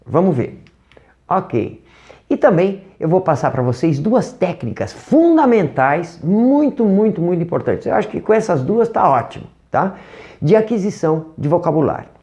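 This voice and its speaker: With a mid-range voice at normal speed, an English teacher speaking with a Brazilian Portuguese accent leads an online lesson. The delivery is animated, full of rhetorical questions and sound demonstrations.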